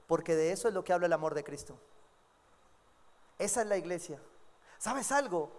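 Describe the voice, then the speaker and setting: High-voiced pastor preaching. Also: male voice, normal speed. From Colombia. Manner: lively, acts out quoted congregants with humor. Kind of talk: sermon. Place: church sanctuary. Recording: long church hall reverb.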